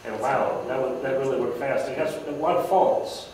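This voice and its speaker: A man in the audience at a club talk, eagerly rushing to make his point. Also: mid-range voice, fairly even intonation, a little mellow. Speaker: audience member. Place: meeting hall. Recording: echoey hall, far from the mic, noise.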